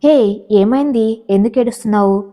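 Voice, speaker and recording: A woman's voice: fairly high pitch, moderate pace, warm tone, natural voice. A woman voicing a young male tycoon who is passionate and protective, speaking in urgent, emotional bursts. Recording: long hall reverb.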